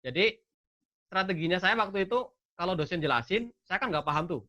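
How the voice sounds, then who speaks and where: A man's voice: high voice, animated, a little fast, sharp tone, muffled recording. A man talking casually as a guest, giving earnest advice and explaining step by step, often asking himself rhetorical questions. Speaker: scholarship awardee guest.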